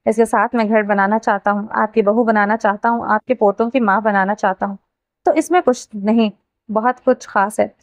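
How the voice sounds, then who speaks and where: A woman's voice: medium pitch, steady tone, no echo, natural voice. A woman voicing a brash, stubborn young man who talks in a carefree, teasing way, read aloud from a novel.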